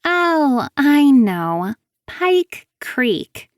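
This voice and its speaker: A sly, sugary woman author in a thriller audiobook, as a female narrator puts her on, lifting her voice high and bright. She taunts with a falsely sweet manner, each line slow and deliberate. The reading is close and dry. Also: big pitch swings, no echo, full character voice. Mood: sweetly probing.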